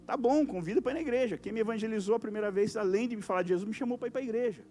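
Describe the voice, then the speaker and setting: A high-pitched male pastor with a Brazilian Portuguese accent delivers a lively evangelical sermon in church. He jumps between booming lines and near-whispers and acts out everyday conversations. Soft music lingers in the background. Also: rapid-fire. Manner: animated preaching, acts out little dialogues, swings from loud to soft. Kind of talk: evangelical sermon to a youth service. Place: church service.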